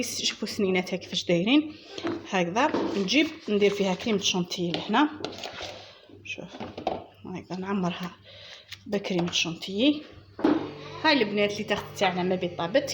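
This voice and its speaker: A woman's voice: medium pitch, lively intonation, fast, noisy background. A woman with an Algerian Arabic accent hosting a home baking tutorial, chatting and guiding viewers step by step as if talking to friends. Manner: chatty and instructive, addressing viewers as "girls". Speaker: home baking channel host. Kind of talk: casual cooking tutorial. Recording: music playing clearly behind her.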